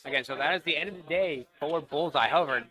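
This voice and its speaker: A young man doing live commentary on a robot combat event, excitable and losing his voice. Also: fairly high pitch, quick pace. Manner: excitable, shouts at knockouts.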